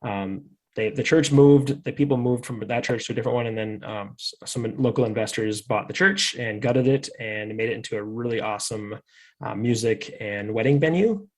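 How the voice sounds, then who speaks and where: A man's voice: medium pitch, normal speed, a little mellow. A man from Fargo hosting a podcast, chatting in a rambling, easygoing and jokey way. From Fargo, North Dakota. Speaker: podcast host. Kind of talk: casual podcast chat.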